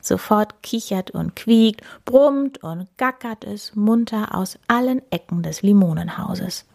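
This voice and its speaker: A woman reading a children's story aloud in a gentle, expressive manner. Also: mid-range voice, takes it slowly, vocal fry.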